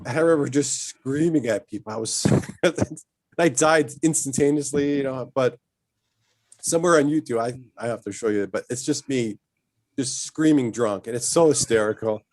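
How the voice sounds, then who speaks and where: Animated storytelling man, dry sound. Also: mid-range voice, moderate pace, no echo. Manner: animated storyteller, laughs while telling stories. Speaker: guest. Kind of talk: casual chat.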